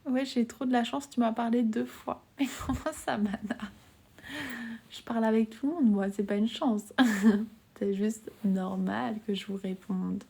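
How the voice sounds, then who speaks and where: A young woman from France chats with her live-stream viewers in a soft, breathy voice that often sinks to a whisper. She talks casually in slang and giggles often. Her voice sits a little high. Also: steady tone, a little slow.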